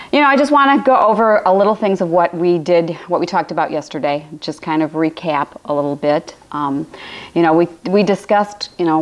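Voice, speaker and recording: A woman from Illinois, USA, gives a spiritual talk on a live stream from a room at home with a fireplace. Her voice is low and raspy and keeps cracking. She rambles, circles back over her points with repetitive phrasing, and restarts her sentences often.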